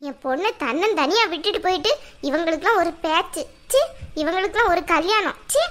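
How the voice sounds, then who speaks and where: A harsh, scolding cartoon mother-in-law who barks commands, as a woman puts her on. The voice sits very high and sounds bright and forceful. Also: animated, brisk. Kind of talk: cartoon voice acting.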